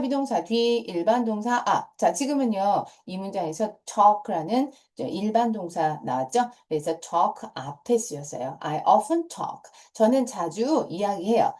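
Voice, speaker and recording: Her voice is mid-range and dark in tone. This middle-aged teacher patiently goes over English grammar with middle school students, repeating key points and opening phrases with a short "자".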